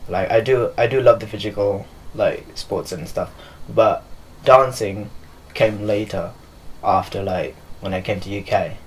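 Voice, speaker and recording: A man's voice: on the low side, a little slow, a little hiss or hum, poor audio. A young man from Nepal, a dancer and choreographer, answering interview questions in a loose, filler-heavy way while seated in a living room. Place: living room with leather sofas.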